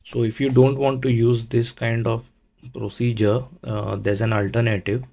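A man giving a casual, unhurried how-to narration, explaining things plainly step by step. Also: mid-range voice, level tone, vocal fry, warm tone. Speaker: motovlogger, presenter.

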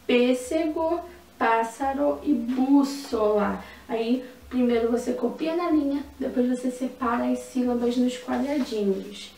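A female primary school teacher speaks in a high, sing-song voice with vocal fry and a dark tone. Recording an online lesson for young children, she goes slowly, stresses key words and uses diminutives. The room is echoey, the mic sits at a distance, and there's faint ambient noise.

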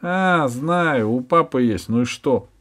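A man voicing a bossy, impatient schoolgirl in an audiobook, speaking in a brisk, scolding way. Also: medium pitch, expressive, a bit bright, pitched above the performer's own voice. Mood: curt. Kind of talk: audiobook character voice.

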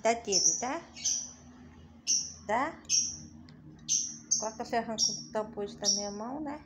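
A woman's voice: on the high side, a little slow, very noisy. Woman scolding her pet bird fondly. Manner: affectionate scolding, pet-talk.

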